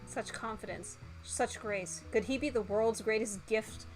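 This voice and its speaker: A woman livestreamer reads a visual novel's narration aloud in a theatrical, giggly, playful manner as she plays. Her voice is a little high and unhurried, with music behind it and poor audio quality.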